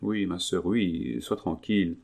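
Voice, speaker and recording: A man's voice: low-pitched, steady tone, measured pace, vocal fry, a little mellow, exaggerated voice. A man voicing a soothing, devoted young nurse-friend. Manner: soothing, coaxing. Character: gentle, devoted young woman nursing her friend.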